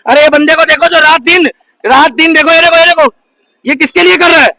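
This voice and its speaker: A man's voice: very high-pitched, fairly even intonation, fairly quick, sharp tone, no echo, rough recording. A man giving an impassioned street interview, preachy and mocking toward absent critics. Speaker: bystander interviewee.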